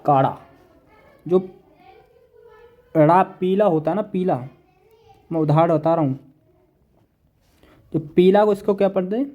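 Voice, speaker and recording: A man's voice: sits high, unhurried, long pauses, narrow, tinny audio. A man teaching Hindi grammar in an online exam-prep lesson, repeating each point while he writes notes. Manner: repetitive, drills each point with "देखिए" and "ठीक है"; talks while writing notes on a board.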